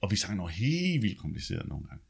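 A man with a deep bass voice whose pitch swoops wildly tells his life story casually and chattily. His voice is creaky and slightly rough, and he sprinkles in quick check-ins and the occasional swear.

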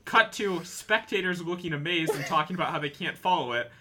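Bright-voiced joking man co-host. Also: fairly high pitch, brisk, a little hiss or hum. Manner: laid-back, joking, rambling. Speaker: podcast co-host. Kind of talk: casual anime recap chat.

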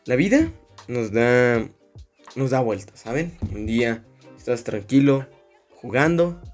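A man's voice: mid-range voice, big pitch swings, takes it slowly, soft background music. A young man hosting a podcast as a rambling, self-mocking casual monologue full of crude slang. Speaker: podcast host.

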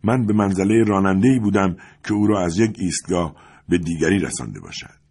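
Deep husky male storyteller. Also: expressive, darkish tone. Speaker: narrator. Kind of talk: audiobook reading of a novel.

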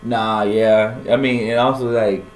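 A man's voice: fairly low pitch, little pitch movement, a little slow, roomy sound, poor audio. A man co-hosting a casual music news chat, jokey and playful.

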